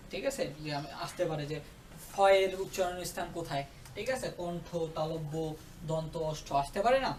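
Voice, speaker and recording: A man with a fairly high pitch explains grammar as a tutor, frequently stopping to check that students understand. He is recorded from a distance in a room with echo, and a little hiss or hum can be heard.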